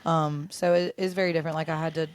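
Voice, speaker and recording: A woman's voice: deep voice, fairly even intonation, fast talker, no room sound. A woman co-hosting a book club podcast, chatting casually and enthusiastically about a novel. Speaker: podcast co-host.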